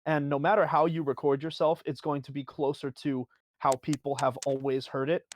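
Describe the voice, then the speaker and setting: A man's voice: a little high, little pitch movement, moderate pace, slight background noise. A man giving casual advice on a livestream, phrasing hesitantly in short bursts full of filler words. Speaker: livestream guest with a music performance background.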